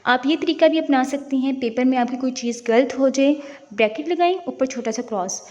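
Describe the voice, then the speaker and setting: A woman's voice: high-pitched, fairly quick, darkish tone, long reverb tail, highs cut off. A young woman who hosts a channel, explaining a writing lesson step by step with examples. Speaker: teacher and channel host.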